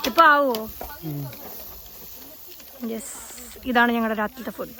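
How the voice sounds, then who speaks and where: High-pitched Malayali woman vlogger, code-mixing. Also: measured pace, sharp tone. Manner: mixes English words and phrases into Malayalam. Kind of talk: casual camping trip vlog chat. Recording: very noisy outdoor and vehicle noise.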